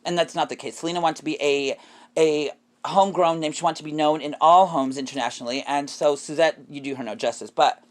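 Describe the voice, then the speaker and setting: In a casual podcast full of opinions, a man with a slightly high voice talks briskly and with fairly even intonation. He tells his stories in a rambling way, correcting himself as he goes.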